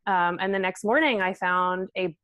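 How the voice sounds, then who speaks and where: A woman in her thirties talks as a guest in an interview, earnest and loose, with plenty of "um" and "like." Her voice sits a little low. The sound is dry and close, with no room in it. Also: normal speed, a bit bright, no echo. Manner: earnest, frequent fillers like "um" and "like". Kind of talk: casual interview conversation.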